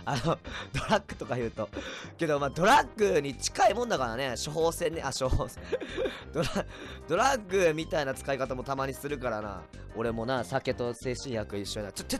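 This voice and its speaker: Tipsy guy streaming from home on a cheap mic, rambly, goes off loud out of nowhere, bouncy pitch. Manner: rambling, erratic, jumps to loud outbursts. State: tipsy from drinks. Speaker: livestreamer, band vocalist. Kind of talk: casual livestream chat reading comments. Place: at home, indoors. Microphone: cheap desk mic.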